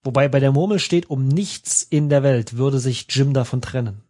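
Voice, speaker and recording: Man, let's play, reading game text aloud, mellow, husky voice, joking asides. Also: medium pitch, normal speed. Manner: joking asides, stumbles over words.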